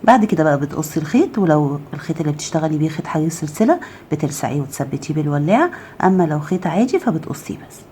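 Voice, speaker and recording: Fast-talking Egyptian woman teaching crochet. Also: sits low, very animated, a little hiss or hum. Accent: Egyptian Arabic. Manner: counts stitches aloud, keeps asking "okay?"; drops to a soft murmur while handling the work. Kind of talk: step-by-step crafting tutorial.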